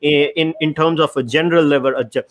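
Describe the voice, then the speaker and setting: A man's voice: a little high, steady tone, brisk. A man hosting a podcast interview, laying out his ideas step by step in an explanatory way. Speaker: podcast host. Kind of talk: casual interview.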